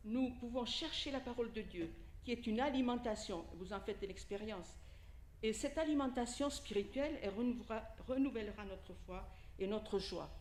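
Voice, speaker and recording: A lay preacher from Italy, speaking her native Italian, gives an informal sermon at a service in a church hall. The sound is roomy with a little hiss or hum, her mid-range voice a little mellow, as she talks directly to listeners with questions and asides.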